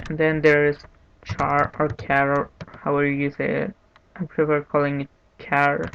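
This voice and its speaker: Man, coding tutorial host, very flat delivery, slow pace, muffled recording, typing clicks behind. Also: on the high side. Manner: monotone, unhurried, thinking aloud with restarts. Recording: dull lo-fi mic with faint hiss. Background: keyboard typing and clicks.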